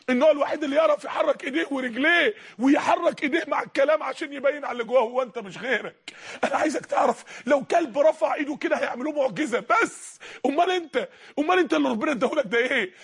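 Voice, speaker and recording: A male preacher with an Egyptian Arabic accent delivering an impassioned sermon full of rhetorical questions and shouted peaks. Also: extremely high pitch.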